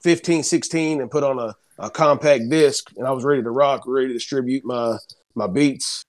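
In a dry recording, a Kentucky musician with a Southern accent chats casually as a podcast guest. He speaks at medium pitch and normal speed in a laid-back drawl, dropping "man" and "you know" between thoughts.

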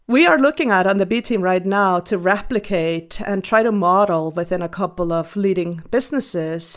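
An Icelandic woman, appearing as a guest, gives reflective interview answers in a steady, mid-pitched voice. She comes across as earnest and measured, pausing on ums and occasionally starting a sentence over.

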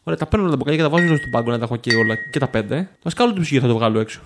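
A man's voice: mid-range voice, lively intonation, background noise. A man playing a mystery game as a guest, thinking aloud and asking curious questions about the room. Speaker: player guest.

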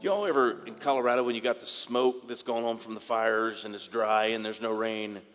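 A pastor delivers a sermon to his congregation in a church sanctuary, his fairly low, steady, slightly bright voice a little raspy from the dry air. He speaks haltingly, doubling up words and calling for amens. A long reverb suggests a large church hall, with faint music in the background.

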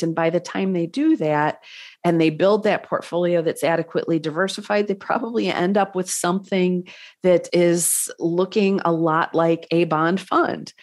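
A woman speaking as a financial expert in an interview, explaining points in a measured, conversational way. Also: on the low side.

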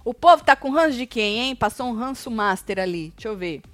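A woman's voice: fairly high pitch, soft background music. A woman with a Brazilian Portuguese accent hosting a live gossip show, chatting casually and reading out viewer comments. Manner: lively, quick shifts between reading comments and chatting.

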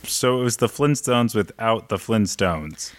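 A man co-hosting a podcast, bantering in a sassy, playful way and quick with jokes. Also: lowish voice, lively intonation, no echo. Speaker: podcast co-host. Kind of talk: casual banter.

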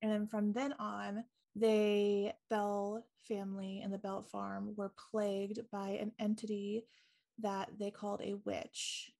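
A woman's voice: medium pitch, gravelly, darkish tone. A woman co-hosting a podcast, casually retelling a ghost story with lots of ums and likes. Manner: chatty, many ums and likes, laughs easily. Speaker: podcast co-host.

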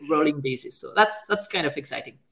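A man with a French accent and a slightly higher voice speaks as an interview guest. He talks casually and pauses often with fillers, circling back to restart his sentences. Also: lively intonation, gravelly, pushed and bright. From France. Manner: hesitant, many fillers and restarts. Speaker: guest, software engineer.

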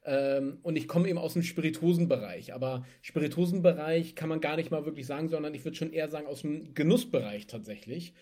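A lively young German man, a spirits entrepreneur, appears as an interview guest and talks casually about his background. His voice is a little higher than most men's, and he laughs now and then as he tells his stories.

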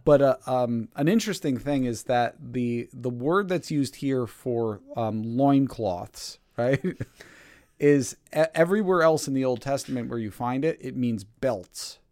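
Halting man leading a Bible chat. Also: mid-range voice, a little mellow, no room sound. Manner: thoughtful, halting, many fillers. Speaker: Bible study podcast host. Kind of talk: casual Bible study discussion.

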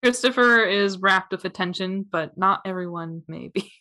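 A woman's voice: medium pitch, measured pace, sharp tone. A woman as game master of a tabletop role-playing game, narrating and voicing characters with frequent laughs.

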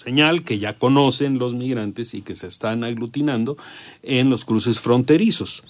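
Emphatic Mexican man with mid-range voice. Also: medium pitch. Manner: emphatic, repeats phrases, poses rhetorical questions. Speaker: panel commentator. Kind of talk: conversational political commentary.

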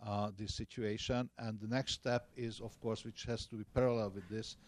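A man's voice: on the low side, flat delivery, moderate pace. A man from Hungary with a Hungarian accent, giving hesitant panel remarks full of filler sounds and restarts. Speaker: panelist, former energy minister.

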